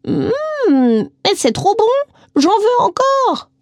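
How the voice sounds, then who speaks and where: A woman voicing a stubborn old lady who is grumpy and greedy for tart, her voice often rising very high and slowing into a drawl. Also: animated, mellow, no echo, clean studio sound. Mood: delighted. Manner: squeals up high and drawls when delighted.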